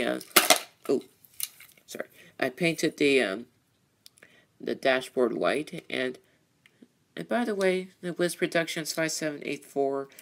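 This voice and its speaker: A man hosting a casual, rambling vlog, halting and repeating his phrases as he goes. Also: a little high, gravelly. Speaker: video host, toy train hobbyist.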